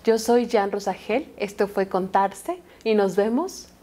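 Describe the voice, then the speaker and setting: A woman host closes the program with thankful remarks. Her voice sits at a mid pitch. She speaks to the audience at the end of a storytelling broadcast. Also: animated, unhurried, dark tone. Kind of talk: program sign-off.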